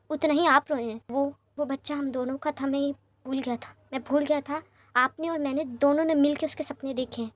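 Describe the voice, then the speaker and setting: A woman voicing a gentle, apologetic young man in a fanfiction reading, soft-spoken and pleading. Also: high voice, lightly acted.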